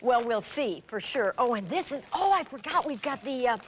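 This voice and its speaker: A woman co-hosting a live teleshopping demonstration, chatty and excited as she talks to the audience, heard from a worn videotape copy. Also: on the high side, normal speed. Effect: worn videotape copy, hissy. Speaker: teleshopping co-host. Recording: hissy old tape, studio audience. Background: studio audience.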